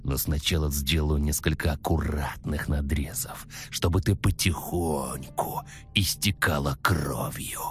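A man reading a story aloud, voicing a cocky young man who poses as a creepy maniac and talks in quiet, menacing, whispery tones with sinister chuckles. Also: a bass voice, fairly even intonation, measured pace, faint music behind, pitched below the performer's own voice.

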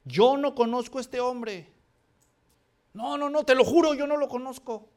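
A preacher acting out a panicked fisherman who frantically and loudly swears he does not know the man. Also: very high-pitched, measured pace, pitched above the performer's own voice. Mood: frantic denial. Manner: frantic, insistent, loud. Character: panicked fisherman denying his friend, man.

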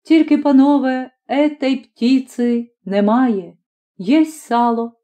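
A woman's voice: high voice, slow pace, warm tone, pitched above the performer's own voice. Woman doing a sing-song affected little lady. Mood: playful. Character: small affected lady of the house, singer.

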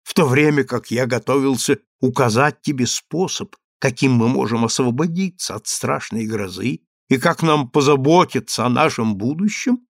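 Man doing a scheming vizier, all dramatic and pleading, gravelly edge, dry sound. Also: mid-range voice, no echo. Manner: theatrical, pleading, ardent. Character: passionate scheming middle-aged male vizier. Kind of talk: audiobook reading.

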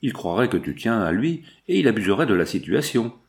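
A man's voice: on the low side, big pitch swings, brisk, a little mellow. A man voicing a stern aristocratic father in an audiobook, firm and indignant as he lectures his daughter. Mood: lecturing. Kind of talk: audiobook character voice.

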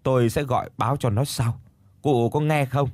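A man voicing a bustling old village woman who shouts urgently to a half-deaf neighbor. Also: mid-range voice, steady tone, dry recording, close to an everyday voice. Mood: fussing. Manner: shouting slowly into a deaf ear. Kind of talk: storytelling.

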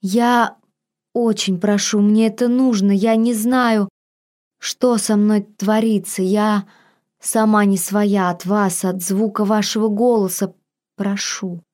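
A woman reading an audiobook, voicing a nervous young woman who pleads in a breathy, slightly higher voice. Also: fairly even intonation, takes it slowly, a little mellow, lightly acted. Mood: pleading.

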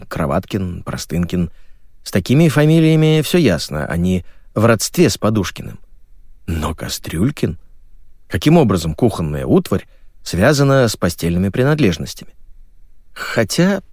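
A man narrating an audiobook in a wry, expressive way. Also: on the low side, dry recording, clean studio sound.

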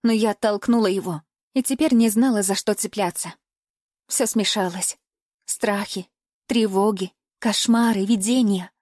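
A woman's voice: medium pitch, a little slow, darkish tone, no echo, clean studio sound. Woman narrating a dramatic audiobook. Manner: emotive first-person storytelling.

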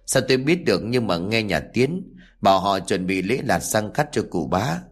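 A man voicing a weary middle-aged village father who talks low and matter-of-fact in a spoken ghost story. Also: very animated, normal speed, slightly rough, exaggerated voice. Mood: grumbling.

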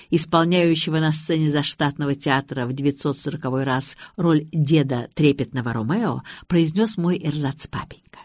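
A woman narrating an audiobook in the first person, reading with lively irony. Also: sits low, no room sound, studio quality.

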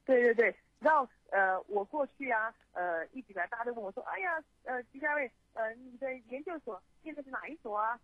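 A woman, telling her story as a radio guest, lively and full of fillers and restarts. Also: fairly high pitch, fairly quick, few pauses, slightly rough, no room sound. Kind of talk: animated storytelling interview. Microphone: phone call. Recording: tinny phone line.

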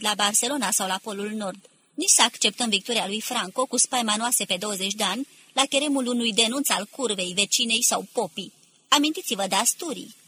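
A woman reading aloud, voicing a male militia commander who shouts slow, forceful orders to exhausted troops. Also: fairly high pitch, slight background noise.

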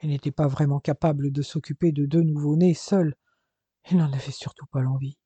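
A man reading a dramatic novel aloud in measured, scripted narration. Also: a little high, steady tone, dark tone, breathy edge, dry recording. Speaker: audiobook narrator. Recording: dull, dry lo-fi recording.

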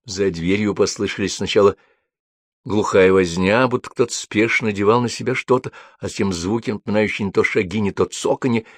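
Male narrator, low voice, wry deadpan storytelling, dry close recording. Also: a little fast, no echo. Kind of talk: storytelling reading.

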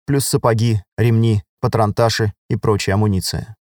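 Dry, steady male audiobook narrator. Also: fairly low pitch, normal speed, dry recording. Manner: steady, even storytelling. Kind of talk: scripted narration.

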